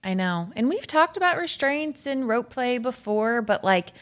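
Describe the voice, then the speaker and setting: A woman's voice: fairly high pitch, sing-song, moderate pace, fairly bright tone. A woman co-hosting a podcast in casual banter, giggly and playful, with sassy, campy slang. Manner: giggly, often laughing while talking. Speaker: podcast co-host.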